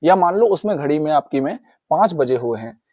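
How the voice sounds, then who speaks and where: Male teacher, slightly high voice, drills phrases slowly, dry close recording. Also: animated, dark tone, no room sound, dull audio. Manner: repeats phrases slowly for practice, addresses viewers as guys. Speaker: English teacher. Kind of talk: spoken lesson.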